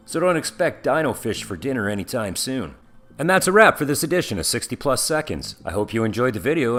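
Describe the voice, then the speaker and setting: A man's voice: medium pitch, a bit bright. A man narrating a scripted facts video in an upbeat manner. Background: background music.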